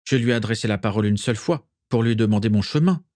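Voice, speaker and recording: A man's voice: fairly low pitch, quick pace, darkish tone, dry recording, studio quality, lightly acted. A man voicing a proud, tense teenage boy who answers curtly and defensively in an audiobook reading. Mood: cold. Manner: curt, tight and defensive. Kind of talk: audiobook character voice.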